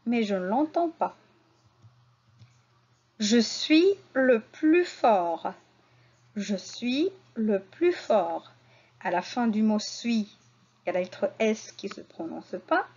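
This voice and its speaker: A woman teaching a beginner French lesson, speaking slowly and repeating each key word. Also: fairly high pitch, muffled recording. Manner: slow, repeats key words, lively teaching intonation. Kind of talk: slow, deliberate French lesson for learners.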